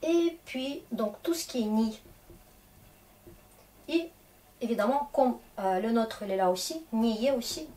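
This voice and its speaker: A woman teacher explains grammar at an unhurried, easy pace, friendly and encouraging as she checks in with her listeners. Her voice sits a little high but sounds soft and mellow. She is recorded from a little way off the mic. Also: distant mic. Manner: chatty, encouraging, checks in with "d'accord?". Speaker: Russian teacher. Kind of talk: casual lesson explaining grammar.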